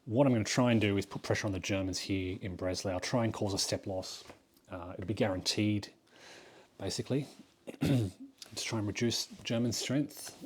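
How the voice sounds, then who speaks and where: A man's voice: lowish voice, normal speed, slightly rough. Man thinking aloud over a board game. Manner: thinking aloud, counting moves, frequent ums. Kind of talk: solo playthrough commentary.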